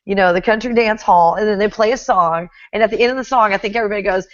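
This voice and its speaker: Hosting a laid-back interview, a middle-aged woman from Texas talks with a Texan accent, laughs a lot, chats freely, and reads out viewer comments. She speaks fast in a mid-range voice, recorded with no echo and the highs cut off.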